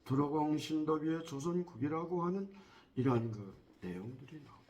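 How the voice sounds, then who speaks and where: Man giving a measured history lecture. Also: a little high, dark tone. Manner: measured, asks rhetorical questions, pauses with "ah" fillers.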